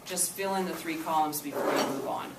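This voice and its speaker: A low-voiced woman speaks briskly as she runs an interactive workshop, repeatedly checking comprehension with "okay?". A far-off camcorder in a classroom or meeting room records her, leaving the audio echoey and very noisy.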